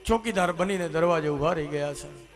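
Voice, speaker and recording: A man preaching a religious story discourse, in an animated manner that rises to loud exclamations. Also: fairly high pitch, fairly quick, over music. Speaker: katha preacher. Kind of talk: sermon storytelling.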